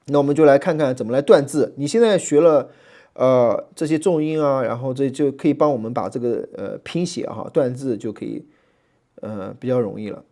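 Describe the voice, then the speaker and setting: Mellow-voiced man teaching Greek. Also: medium pitch. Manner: chatty, many fillers, slows to spell out letters. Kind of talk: relaxed classroom lecture.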